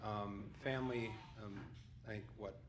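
A young man, the groom, gives an unscripted thank-you speech into a handheld mic, halting and filling pauses with many ums. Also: on the low side, steady tone, echoey room, a little hiss or hum. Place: wedding reception in a large dining room.

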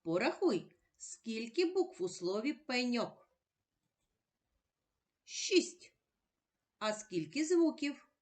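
A woman teaching a recorded primary-school lesson at an unhurried, careful pace. She pronounces each sound separately, asks a question and then gives the answer herself. Her pitch rises and falls a lot as she speaks to the children. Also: big pitch swings, darkish tone. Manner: deliberate, spells out sounds one by one.

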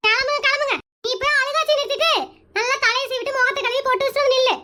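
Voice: very high voice, fairly even intonation, racing, bright, forceful tone, exaggerated voice. A performer voicing a bossy, meddling middle-aged aunt in a comedy cartoon, scolding and nagging everyone around her.

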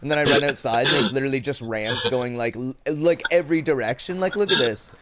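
A young man hosting casual gameplay commentary, excitable and swearing, with shouts and laughs between lines. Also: medium pitch, quick pace, heavy background noise. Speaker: gaming channel host. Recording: game sounds loud behind voice.

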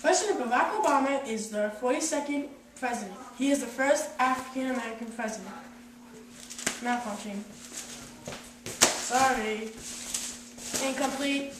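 A woman voicing a malfunctioning household robot in a homemade comedy skit, speaking in halting, clipped, glitching bursts. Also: fairly high pitch, close to an everyday voice. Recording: echoey room, distant mic, background noise.

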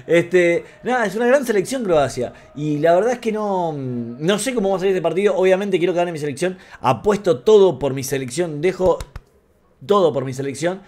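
High-voiced excitable Argentine man. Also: normal speed. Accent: Argentine Spanish. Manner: excitable, emotional, talks to the screen. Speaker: YouTuber reacting to a football match. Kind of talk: live match reaction.

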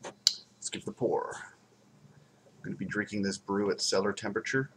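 A young adult man talks casually about a beer indoors at home near the window blinds, rambling and repeating words to stress them. His fairly low, fairly bright voice keeps a fairly even intonation at normal speed. The desk webcam captures a low-quality recording with a little hiss or hum.

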